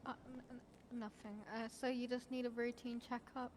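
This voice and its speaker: Casual higher-voiced woman playing a mechanic. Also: level tone, slight background noise. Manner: casual, quick, stumbling over words. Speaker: roleplay mechanic. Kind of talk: in-character roleplay chat.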